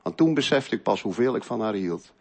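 A middle-aged man telling an earnest, emotional personal faith testimony, moving between loud stretches and hushed ones. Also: lowish voice, expressive, brisk, vocal fry, slightly rough. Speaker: speaker giving a faith testimony.

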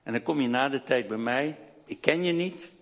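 A man delivers a sermon at an average pitch, taking his time, pausing and restarting as he searches for words. His voice carries a long reverb from a large hall. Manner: slow, deliberate delivery with hesitations and restarts. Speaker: preacher.

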